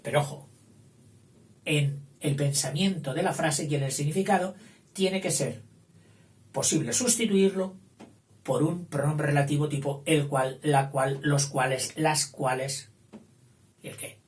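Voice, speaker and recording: Slow-talking male teacher in an echoey room. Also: on the high side. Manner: patient, explanatory, checks in with frequent "eh?". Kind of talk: grammar lesson. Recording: roomy echo, distant mic, faint hiss.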